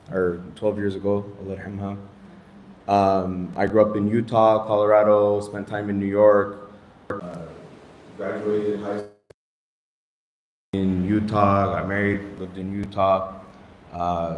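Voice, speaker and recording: This American man in his thirties teaches Islamic studies and introduces himself casually to a group, mixing in self-deprecating humor, wandering tangents and Arabic phrases. His voice is fairly low with a somewhat dark tone, recorded in an echoing room with slight background noise.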